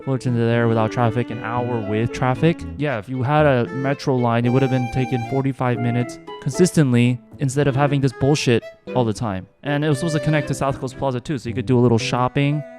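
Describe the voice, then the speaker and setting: A man's voice: medium pitch, fairly even intonation, quick pace, hardly any pauses, over music. A man in his twenties with an American accent, giving a casual, informal opinion rant with sweary, exasperated asides. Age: 20s. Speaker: video host.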